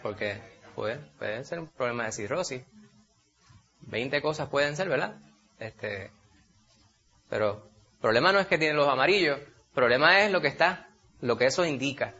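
A man preaching a sermon, animated, asking rhetorical questions and calling his listeners brother. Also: medium pitch, moderate pace, pauses often, slightly rough. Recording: dull lo-fi recording.

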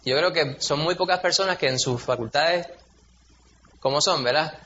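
Male preacher, 40s; chatty storytelling sermon, bright slightly high voice. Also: normal speed, dull audio, slight background noise. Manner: conversational, storytelling, acts out quotes in raised voice.

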